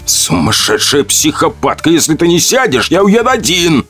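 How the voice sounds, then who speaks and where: A man voicing a gruff, shouting trader. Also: a little high, sing-song, moderate pace, faint music behind, voice pushed up, full character voice. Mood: panicked. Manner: rough and shouting. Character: gruff scared male trader.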